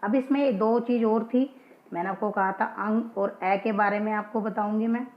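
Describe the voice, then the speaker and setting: A woman's voice: mid-range voice, fairly even intonation, normal speed. A woman teaching Hindi grammar in a casual classroom style, patiently asking questions and answering them herself. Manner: patient, checks in with listeners, asks and answers her own questions. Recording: dull lo-fi, echoey room.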